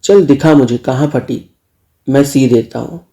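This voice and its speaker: A man's voice: medium pitch, unhurried, gravelly, mellow. A man voicing a bossy, teasing middle-aged uncle in a spoken story. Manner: teasing, scolding.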